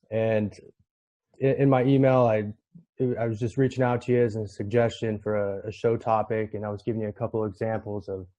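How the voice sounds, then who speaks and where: A man talking casually as an interview guest, halting and repeating words as he goes. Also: on the low side, mellow. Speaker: podcast guest, real estate appraiser. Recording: dull, muffled lo-fi connection.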